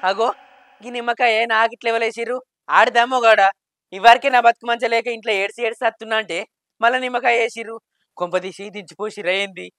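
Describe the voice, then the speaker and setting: A man's voice: very high voice, flat delivery, quick pace, a bit bright, no echo. A man, wailing and cursing in a village comedy lament.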